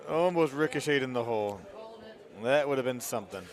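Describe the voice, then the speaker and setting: A man's voice: medium pitch, animated, fairly quick. A man giving casual live golf commentary, talking conversationally through a tournament shot by shot.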